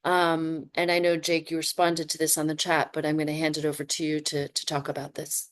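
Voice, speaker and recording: Low-pitched woman moderating a panel. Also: completely flat delivery. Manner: polite, pauses with "um".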